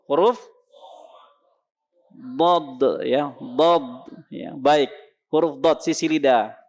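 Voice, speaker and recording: A man teaching a congregation how Arabic letters are pronounced, asking questions and answering them himself, then sounding the letters out. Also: on the high side. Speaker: Quran recitation teacher. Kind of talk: lesson to a congregation.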